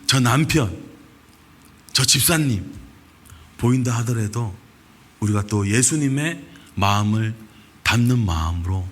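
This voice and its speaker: A male pastor preaching a sermon in animated storytelling, acting out quoted lines. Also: mid-range voice. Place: church sanctuary.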